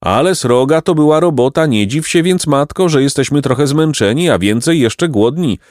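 Storybook figure: a greedy, grumbling rascal boy, raised pitch, put on by the male narrator, dry close sound. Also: lively intonation, moderate pace, darkish tone, no echo, close to an everyday voice. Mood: wheedling. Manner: grudging, wheedling. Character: cheeky lazy peasant boy, grumbling and greedy.

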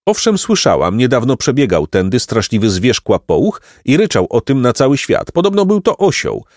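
A man voicing a tiny, hardworking female bee with a high, buzzing voice and a brisk, impatient manner. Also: wildly swooping pitch, darkish tone, no room sound, clean studio sound. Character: busy tiny female bee, curt, industrious.

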